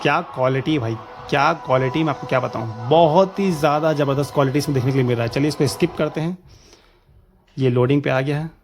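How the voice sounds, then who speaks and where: A man's voice: on the high side, fast. Chatty man narrating a gaming tutorial. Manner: chatty, excited, addresses viewers as friends. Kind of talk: casual screen-recorded tutorial commentary.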